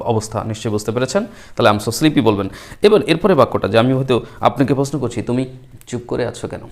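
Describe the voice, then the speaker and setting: A male English teacher talks through a lesson at a middle pitch. He says each example sentence, then repeats it slowly and carefully, sometimes spelling out the letters. The delivery is plain and instructive.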